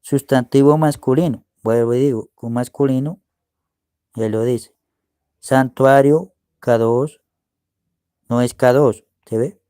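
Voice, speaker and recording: Male preacher-teacher, unhurried and explanatory, dry close recording. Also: medium pitch, steady tone, mellow, smooth, no room sound. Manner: slow, explaining, asks "¿ve?" often. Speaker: preacher teaching Hebrew words. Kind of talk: screen-share Bible word study.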